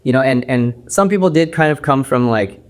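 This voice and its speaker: This American actor, whose first language is Mandarin, guests on a podcast and chats casually in interview style. His medium-pitched voice is expressive and fairly quick, and he rambles loosely with lots of fillers and restarts.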